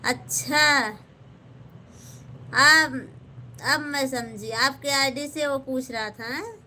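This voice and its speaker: Woman, Awadhi-tinged Hindi accent, hosting a live chat on her phone; unhurried, courteous, slightly high voice. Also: pushed and bright, a little hiss or hum. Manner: polite, slow and chatty, thanks viewers by name. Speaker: live-stream host. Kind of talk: casual live-stream chat reading viewer comments. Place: home kitchen.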